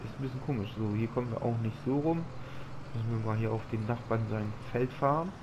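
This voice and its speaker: Slightly fast and with the highs cut off, this recording catches a man with a mild cold rambling casually through a farming game as he thinks aloud. His pitch is middling, he hosts a gaming channel, and a constant hum of background noise sits underneath.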